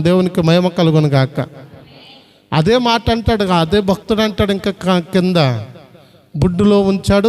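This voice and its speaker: A man's voice: sits high, darkish tone. A man preaching a sermon as pastor, repeatedly urging the congregation to answer aloud. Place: prayer hall. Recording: long hall reverb.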